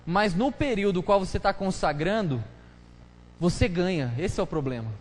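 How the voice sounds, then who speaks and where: A man's voice: high-pitched, expressive, fairly quick. A pastor preaching a casual, joking sermon full of slang, chatting with his congregation during a live church service. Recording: live church hall reverb, faint noise.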